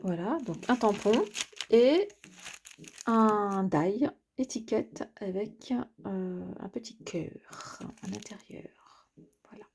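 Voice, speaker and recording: A woman vlogger talks her viewers through craft supplies in an unhurried, hesitant way, often filling gaps with drawn-out pauses. Her voice is mellow and soft-edged, and her pitch sits in a middle range. A faint hiss sits underneath. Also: animated. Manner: hesitant, frequent filler sounds; chatty, addresses the viewer directly. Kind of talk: casual unboxing commentary.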